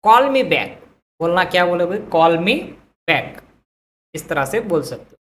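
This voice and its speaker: A woman teaching English vocabulary who says each phrase slowly twice and then explains it in Hindi. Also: fairly low pitch, big pitch swings. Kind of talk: vocabulary lesson.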